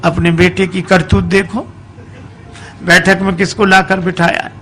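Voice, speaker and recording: A man's voice: sits high, level tone, unhurried, a bit bright, a little hiss or hum. A man voicing an upset young wife. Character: angry young wife, tearful and jealous.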